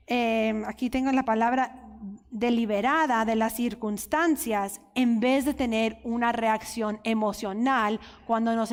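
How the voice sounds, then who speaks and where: A woman teaching the Bible at a women's conference, earnest and openly emotional, speaking straight to her listeners. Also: fairly high pitch. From United States. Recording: reverberant hall.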